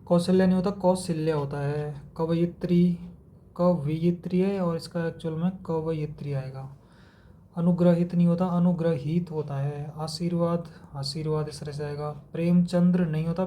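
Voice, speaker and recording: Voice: mid-range voice, mellow, a little hiss or hum. A teacher giving an exam-prep spelling lesson, methodically contrasting wrong and right word forms and mixing in English words. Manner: mixes English words into Hindi explanation.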